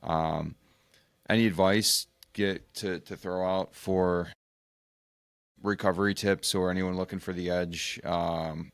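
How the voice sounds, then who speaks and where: Deep-voiced halting man, host. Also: fairly even intonation, dry recording, clean studio sound. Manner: halting, searching for words. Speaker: physical therapist and podcast host. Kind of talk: casual interview chat.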